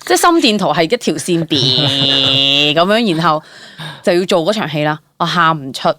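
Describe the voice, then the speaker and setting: A young woman with a Hong Kong Cantonese accent, an actor appearing as an interview guest, tells stories casually in a chatty, expressive way, slipping in English words. Her voice is low, her pace normal, and there's no room sound.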